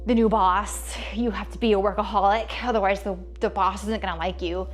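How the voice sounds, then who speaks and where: A woman's voice: mid-range voice, steady tone, a little fast, soft background music. A woman hosting a self-growth video, talking casually to camera in a chatty, playful, rambling way.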